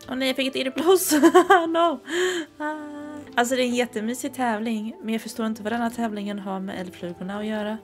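A woman in her twenties from southern Sweden, chatting and giggling excitably while commenting on a game she plays. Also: on the high side, faint music behind. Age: 20s. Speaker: gaming streamer. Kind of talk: casual gameplay commentary.

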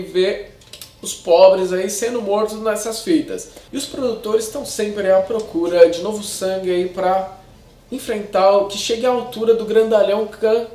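A man's voice: high voice, darkish tone. A Brazilian man in his thirties chattily reviewing a film to camera in slangy, casual speech with frequent tag questions. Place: small indoor room with shelves of discs. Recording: echoey untreated room.

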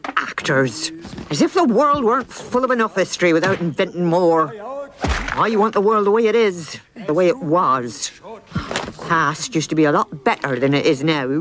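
An actress voicing a stern, sharp-tongued old witch who leads her coven, speaking dryly and bluntly. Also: lowish voice, animated, normal speed, noisy background, close to an everyday voice. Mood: scornful. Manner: dry, dismissive and blunt.

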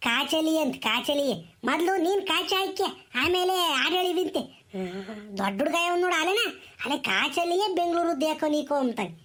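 A woman's voice: extremely high pitch, animated, brisk, a bit bright. A woman with a rural Tumakuru Kannada accent playing a strict, nagging village mother who scolds her son in a comedy skit. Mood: scolding.

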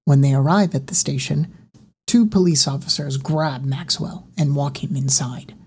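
A woman narrating a horror audiobook in an even, unhurried reading voice. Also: rumbling low, breathy edge.

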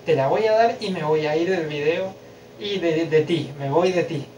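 A man giving excited commentary while playing a motion game at home, chanting repeated cheers and shouting, picked up by a camera mic at a distance. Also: a little high, normal speed, slight background noise. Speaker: gamer filming himself. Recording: loud game music over voice.

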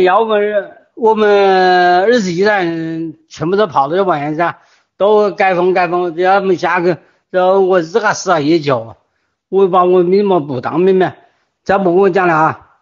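An older man with a Wuhan accent speaks in a somewhat high-pitched voice. He is distraught and agitated, pressing his point with repeated phrases. The sound is muffled and lo-fi, like a voice message recorded on a phone. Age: older, near retirement. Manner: agitated, insistent, repetitive pleading and warning. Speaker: resident leaving voice messages in a group chat. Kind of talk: informal voice messages.

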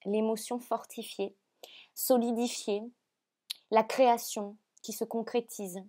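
A French woman giving a spiritual card reading to the viewer, speaking softly and hesitantly, often repeating phrases with many fillers. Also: fairly high pitch, level tone, takes it slowly. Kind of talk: channeled reading, addressing viewer.

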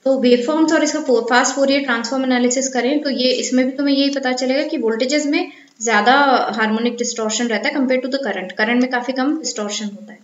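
Indian woman lecturer, methodical explainer, fairly high voice, dull lo-fi recording. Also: fast. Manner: explanatory, mixing Hindi and English terms. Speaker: university lecturer. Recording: echoey, dull lo-fi room recording.

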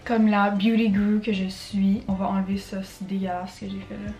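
Roomy-sounding young Québécoise chatting casually. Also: female voice, medium pitch, flat delivery, a little fast, darkish tone. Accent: Quebec French. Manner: chatty, mixes in English slang and swears. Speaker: beauty vlogger. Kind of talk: casual get-ready-with-me chat. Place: at home in front of a mirror. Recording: roomy echo, faint music.

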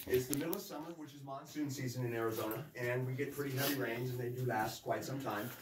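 A man's voice: mid-range voice, steady tone, fast talker. A man working as a tour guide, narrating informally to a group in a folksy storytelling way with courteous directions. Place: underground cavern with narrow passages. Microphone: visitor's handheld phone, several metres away. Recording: echoey cave, distant phone mic, faint noise.

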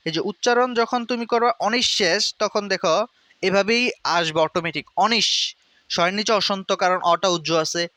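A young man teaching a pronunciation lesson, repeating each word slowly to drill it. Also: high voice, bright, forceful tone, no room sound.

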